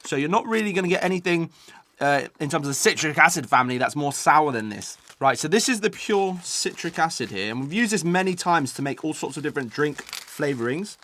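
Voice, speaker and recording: Bright-voiced British man tasting sour candy. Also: on the high side, lively intonation, a little fast. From United Kingdom. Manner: eating sour candy while talking, reacting to the sourness. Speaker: host of a taste-test video. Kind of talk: casual taste-test vlog talking to viewers.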